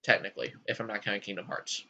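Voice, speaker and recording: A man hosting a casual gaming chat, talking in an animated way with frequent ums. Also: lowish voice, rapid-fire, gravelly, highs cut off. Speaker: podcast host ranking game worlds.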